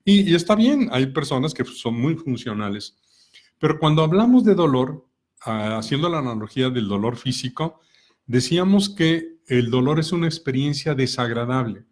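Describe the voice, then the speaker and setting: Calm man explaining with examples. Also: mid-range voice, moderate pace. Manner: calm, explanatory, asks many rhetorical questions. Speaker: co-host of a personal growth talk.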